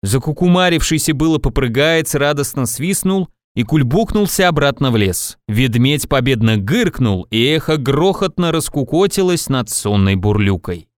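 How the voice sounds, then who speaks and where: A man reading a children's story aloud with expressive narration. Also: mid-range voice, moderate pace, hardly any pauses, no echo, studio quality. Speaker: reader.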